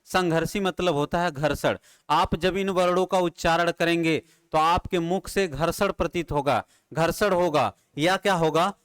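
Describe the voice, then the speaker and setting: Standing at the board in a classroom, a man with a fairly high, somewhat bright, clear and resonant voice teaches Hindi grammar. He speaks to his students familiarly and runs repeated drills on terms, asking questions and then supplying the answers.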